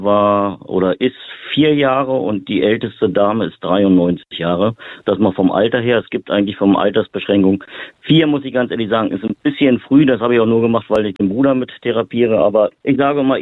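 A man from Berlin talks as an interview guest about his therapy work. His voice sits low and comes through thin and phone-like with no room sound. His sentences run on, broken by fillers and restarts. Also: dry recording. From Berlin, Germany. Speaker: boxing therapist and lecturer. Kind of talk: interview guest, casual explaining. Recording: tinny phone-line audio.

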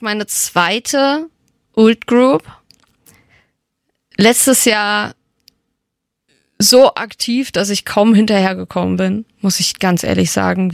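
A woman's voice: medium pitch, vocal fry, dry recording, clean studio sound. A young woman radio host, chatting casually and enthusiastically as a fan, with many fillers. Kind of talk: casual radio chat about K-pop.

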